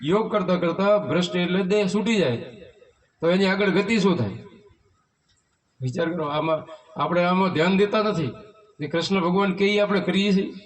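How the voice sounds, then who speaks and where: High-voiced Kutchi preacher, distant mic. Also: male voice, moderate pace, long pauses. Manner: preaches in rhetorical questions and recites hymn verses. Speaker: spiritual teacher leading a satsang. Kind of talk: devotional sermon. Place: devotee's home in a village. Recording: voice from far off the mic.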